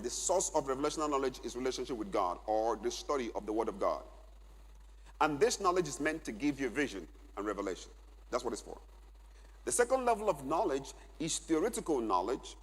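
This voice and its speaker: A middle-aged man teaches at a church conference, stressing and repeating his key points. His voice is a little husky, and it echoes around a large hall with a long reverb tail. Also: mid-range voice. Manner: emphatic, repeats key phrases for note-taking. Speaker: conference speaker.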